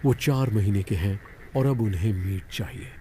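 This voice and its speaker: A man narrating a wildlife documentary in a dubbed voice-over, explaining calmly. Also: lowish voice, normal speed, slight background noise.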